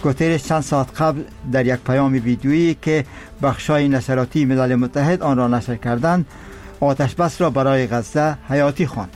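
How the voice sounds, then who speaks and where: A male newsreader with an Afghan accent presents a radio bulletin. His delivery is formal and measured, at a middling pitch, with music behind him. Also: darkish tone.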